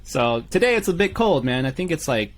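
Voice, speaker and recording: A man from Los Angeles, a music producer guest on a podcast, laid-back and quick to laugh. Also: a little high, sing-song, a little hiss or hum. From Los Angeles, California. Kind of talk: casual podcast interview.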